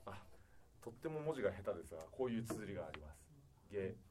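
A man's voice: on the low side, noisy background. A man teaching a choir how to pronounce sung German, demonstrating vowels by singing them out. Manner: lively, demonstrates sounds by singing and drawn-out vowels. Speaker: choir or vocal coach. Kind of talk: singing lesson on German diction.

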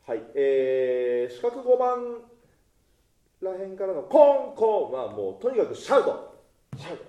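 A man leading a choir rehearsal, giving instructions in an animated way and breaking into sung demonstrations. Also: high voice, moderate pace, roomy sound, dull audio. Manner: animated, sings demonstrations mid-sentence. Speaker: choir conductor.

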